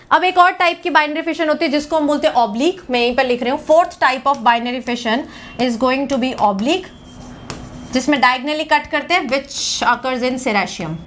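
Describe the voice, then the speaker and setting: A woman's voice: sits high, a little hiss or hum. A young Indian woman teaching a live online biology lesson, switching between Hindi and English, addressing students as "beta" and quizzing them constantly.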